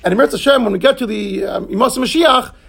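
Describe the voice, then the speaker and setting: A man leads a Talmud class, glossing each term in English and turning to his students between points. His voice sits high and has a gravelly, husky edge. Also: fairly bright tone. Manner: explains terms in English, quick asides to students. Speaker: rabbi teaching Talmud class.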